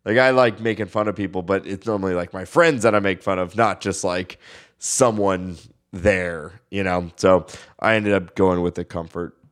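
Lowish guy on a podcast, casual, kinda rambly explaining stuff. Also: moderate pace. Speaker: podcast panelist. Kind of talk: casual chat.

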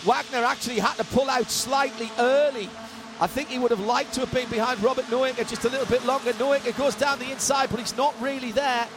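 A man commentates on live motorsport in a high-pitched voice. He gives vivid play-by-play with dry, wry humour. Race cars and trackside noise are clearly heard behind him. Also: fairly even intonation, fairly quick. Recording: trackside broadcast with loud engine noise. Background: racing cars and trackside ambience.

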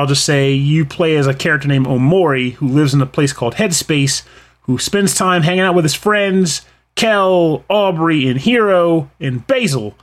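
Guy cohosting a podcast, kinda high voice, gushing about a game, laughs a lot. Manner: enthusiastic, laughs often, rambling restarts. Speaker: podcast co-host. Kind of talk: casual chat about games and music.

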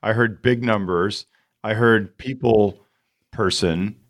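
A man's voice: fairly low pitch, slow. A middle-aged man hosting a podcast, joking and laughing often in casual chat. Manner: jokey, upbeat, laughs often. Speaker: podcast host.

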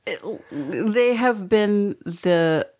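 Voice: mid-range voice, lively intonation, very slow, darkish tone. A therapist co-hosting a podcast in casual chat, giving dry, short replies.

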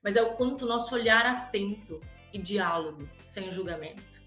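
A Brazilian woman speaks as a parental educator in a casual, animated way. She keeps slipping into short acted-out quotes. Her bright, forward tone rings in a roomy, echoing space. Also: medium pitch, normal speed, faint music behind. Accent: Brazilian Portuguese. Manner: animated, acts out little quoted scenes. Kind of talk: casual chat.

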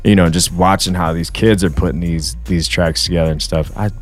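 Deep-voiced man, laid-back thirties. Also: fairly even intonation, fairly quick, soft background music. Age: 30s. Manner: laid-back, rambling, swears freely. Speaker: guest music producer. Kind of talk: casual podcast chat.

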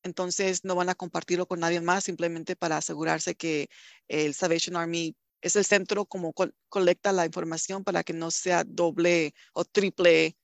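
On a community radio interview recorded over a video call, a woman host sounds effusive and congratulatory. Her voice is on the low side with vocal fry and flat delivery at normal speed, with no room sound.

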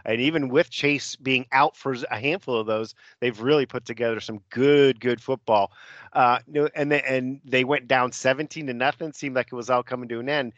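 A man's voice: mid-range voice, steady tone, fairly quick, a bit bright, no echo. An easygoing man running through football matchups for a sports show. His voice sits in the middle range, recorded dry and a bit dull. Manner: sets up each matchup, easygoing and chuckling. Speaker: sports podcast co-host. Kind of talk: previewing games, casual sports chat.

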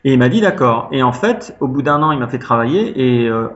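A man from France tells a long childhood story as an interview guest, rambling warmly with plenty of fillers and restarts. His pitch sits in an ordinary middle range. The recording sounds a little dull and lo-fi. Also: a little fast, slight background noise. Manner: chatty, animated anecdotes with many fillers. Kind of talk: casual storytelling.

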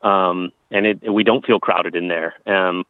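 A man's voice: low voice, fairly even intonation, unhurried, dry recording. A man in his thirties talking casually as an interview guest, sharing his own experiences. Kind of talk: casual conversational interview, telling personal experiences. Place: outdoors at a campground. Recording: thin phone-like line.

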